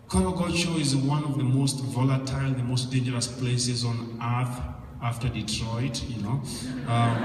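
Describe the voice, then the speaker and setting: A man's voice: on the high side, slight background noise. A man from Kenya giving an earnest personal story talk at a conference, with joking asides. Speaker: conference speaker. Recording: echoey hall from far off.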